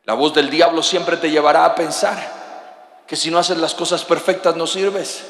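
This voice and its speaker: Male preacher, high voice, bright ringing tone, long reverb of a big hall. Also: normal speed. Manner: animated preaching, bursts of shouting, joking with the congregation. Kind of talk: sermon.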